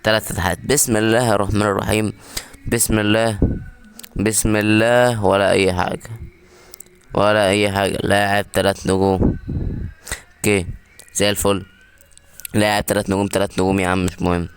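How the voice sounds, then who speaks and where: A man's voice: on the low side, level tone, quick pace, long pauses, smooth. A man with an Egyptian Arabic accent giving casual, repetitive commentary while opening packs in a mobile football game. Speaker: mobile gaming YouTuber.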